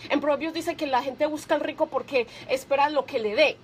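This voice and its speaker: A woman delivers a fervent radio sermon in a high, bright-pitched voice. She slows down to read scripture aloud, leaning hard on each phrase. A faint hiss sits under her voice. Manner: reads scripture slowly and with emphasis. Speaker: radio preacher.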